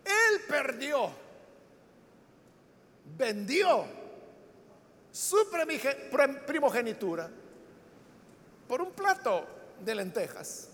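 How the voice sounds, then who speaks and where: A man preaching a sermon, telling the story dramatically, acting out the characters and bursting into shouts. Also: very high voice. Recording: long hall reverb.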